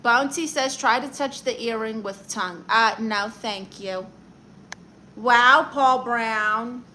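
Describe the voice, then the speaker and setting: Hosting her livestream, this young woman from Brooklyn, New York, answers viewer comments with brassy, sassy advice and rapid-fire comebacks. Her voice runs a little high, bright and forceful, with a touch of hiss or hum in the recording.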